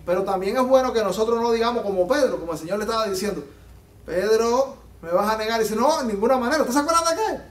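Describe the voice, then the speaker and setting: Male pastor, very high voice, fervent sermon delivery, heard from off-mic in an echoey church. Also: fast talker, far from the mic. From Latin America. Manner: fervent, rising to emphatic peaks and dropping low. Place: church sanctuary.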